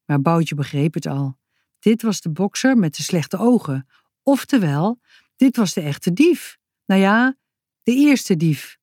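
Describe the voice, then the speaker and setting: A woman author reading her own children's story aloud, slow and expressive. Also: fairly low pitch, no echo, studio quality.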